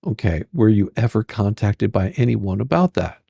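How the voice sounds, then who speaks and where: In a dramatic deposition reading, a performer voices a sarcastic, persistent attorney questioning a witness, with probing, halting, repetitive phrasing and a matter-of-fact mood. The voice is mid-range, expressive, creaky and mellow with a breathy edge, recorded dry.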